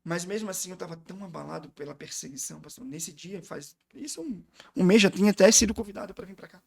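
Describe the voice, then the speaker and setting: A man's voice: high-pitched, animated, fast, gravelly, breathy edge, dry recording, studio quality. A middle-aged man with a Brazilian Portuguese accent, a guest pastor telling an emotional testimony full of quoted dialogue in a casual interview.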